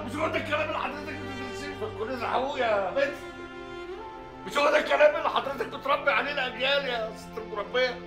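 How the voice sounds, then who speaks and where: A man's voice: very high-pitched, echoey room. An actor playing a stubborn, proud middle-aged Egyptian father, arguing heatedly and sarcastically with his family. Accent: Egyptian Arabic. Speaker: father of four daughters. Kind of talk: TV drama acting.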